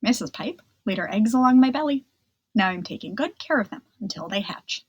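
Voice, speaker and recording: A woman's voice: mid-range voice, lively intonation, brisk, slightly rough, no room sound, lo-fi sound. A woman voicing proud, contented father fish in a children's storybook, pleased to be minding their young.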